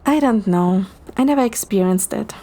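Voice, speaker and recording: Over background music, an amateur narrator and voice actor tells a first-person romance, voicing the dialogue herself. Her young, mid-range voice is warm and lively in intonation, moving at a moderate pace.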